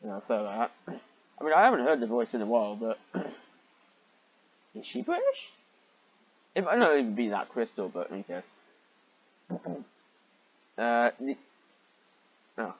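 A man reads fan fiction aloud, unhurried and pausing often, his medium-pitched voice breathy at the edges and swinging hugely in pitch. Exasperated and easily distracted, he mocks the story and breaks off to ramble, with the highs cut off in the recording.

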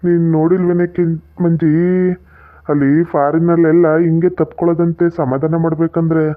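An actor with a North Karnataka Kannada accent playing a pushy, lecherous middle-aged village moneylender with a coaxing drawl. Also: male voice, fairly high pitch, little pitch movement, fairly quick, lightly acted. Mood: leering. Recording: tinny phone-like audio.

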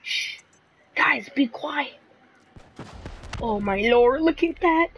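Excitable young woman, whispering gamer. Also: high-pitched, slow, vocal fry, a little hiss or hum, poor audio. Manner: jumpy, swings between hushed whispers and loud gasps. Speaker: gaming video creator. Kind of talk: excited gameplay commentary.

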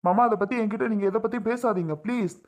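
A man's voice: high-pitched, fast talker, close to an everyday voice. A man playing a young husband and father who is defiant and heated, firing repeated questions, in a family drama skit. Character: young husband, protective and hot-tempered father.

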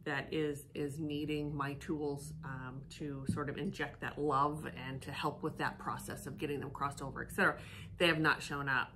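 A woman's voice: sits low, flat delivery, normal speed, noisy background. A middle-aged woman giving casual commentary, thinking aloud and searching for her words. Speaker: psychic co-host of a reaction show. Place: living room with fireplace, indoors.

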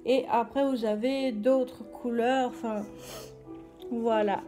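Woman, beauty vlogger, casual makeup review, high voice, hesitant, fillers. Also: steady tone, slow, warm tone, soft background music. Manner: chatty, hesitant, many fillers and restarts.

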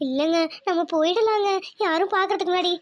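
A woman's voice: very high voice, brisk. A woman voicing a frightened young village wife in a cartoon. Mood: pleading. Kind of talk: cartoon voice acting.

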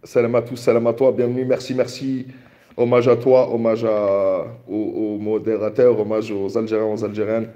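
In an echoing, bare room, a male livestreamer in his thirties casually chats, repeating greetings and slipping in Arabic. He speaks in a lowish, mellow, flat voice at a moderate pace, and the audio has its highs cut off.

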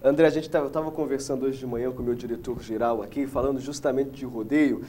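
A man's voice: medium pitch, fairly even intonation, quick pace, mellow, a little hiss or hum. A Brazilian man in his thirties interviewing a guest conversationally as a TV host. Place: TV studio, standing.

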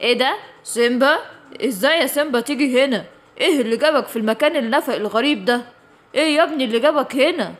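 A woman voicing a calm male superhero guide in an Egyptian Arabic children's story, explaining things in a patronizing way. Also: high-pitched, rapid-fire, voice pushed down, natural voice. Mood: amused.

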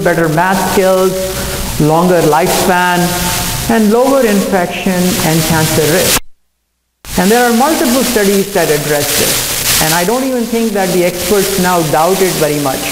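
A middle-aged man, a cardiologist, giving an earnest conference talk at a podium microphone, talking quickly with fillers and self-corrections. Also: high-pitched, background noise. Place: large hotel conference room. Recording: echoey hall, recorded from afar.

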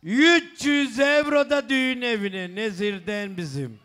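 A man working as a wedding announcer, booming out gifts and sums in drawn-out calls and bantering with guests. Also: a bit bright. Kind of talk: loud festive announcement of gifts, counting sums aloud. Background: celebration music.

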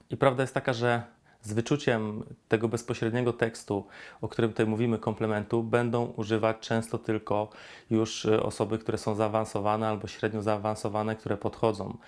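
Flat low-voiced man coaching on dating. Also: normal speed. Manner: instructive, addresses viewer directly, acts out pickup lines. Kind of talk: direct-to-camera advice talk.

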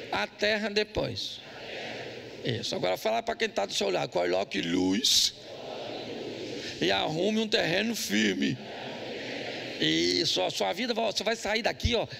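A man's voice: sits high, vocal fry, background noise. A man preaching a humorous sermon as pastor, quizzing the congregation with jokes. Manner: joking storyteller, quizzes the congregation. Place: church.

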